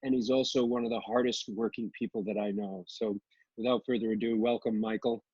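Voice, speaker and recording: A man hosting a live-streamed winery interview, talking in a halting way with many fillers and restarts. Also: lowish voice, flat delivery, dark tone, breathy edge, dry recording. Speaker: host. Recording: dull lo-fi livestream audio.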